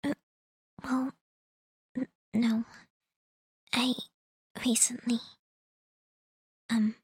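A woman's voice: a little high, little pitch movement, drawn-out words, slightly rough, full character voice. Woman whispering as a teasing dream spirit. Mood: flustered. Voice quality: soft whisper, giggly. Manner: teasing, flirty. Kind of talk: whispered ASMR roleplay. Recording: roomy echo.

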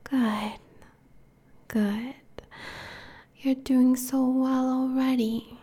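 A woman voicing a cruel, domineering immortal queen in a hushed, breathy whisper, slow and menacing. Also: high voice, fairly even intonation, full character voice. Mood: commanding. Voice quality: breathy whisper with gravelly fry. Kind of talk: whispered audio roleplay.

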